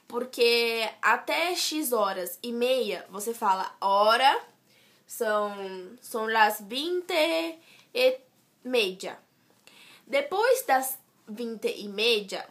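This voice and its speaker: Woman, slow unhurried delivery, casual tutor explaining rules step by step. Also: on the high side, a bit bright. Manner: explains step by step, with restarts and "certo?" checks. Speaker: student tutor.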